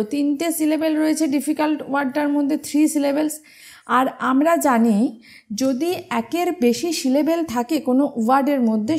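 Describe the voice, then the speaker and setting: High-pitched woman teaching grammar. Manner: patient, explains step by step with rhetorical questions. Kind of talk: exam-prep grammar lesson.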